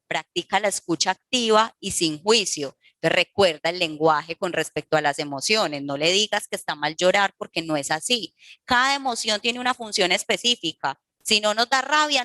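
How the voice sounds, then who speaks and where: A woman's voice: medium pitch, pushed and bright, no room sound. A woman giving a talk to parents about emotions, explaining step by step and often checking in with her listeners. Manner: didactic, checks in with "¿sí?" and "¿listo?". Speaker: workshop speaker for parents.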